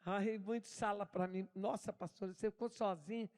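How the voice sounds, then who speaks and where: A woman's voice: mid-range voice, fairly even intonation, moderate pace, darkish tone. An older woman pastor with a Brazilian Portuguese accent, preaching a sermon full of personal stories and calling out to her congregation. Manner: emotional, storytelling, addresses congregation as brothers.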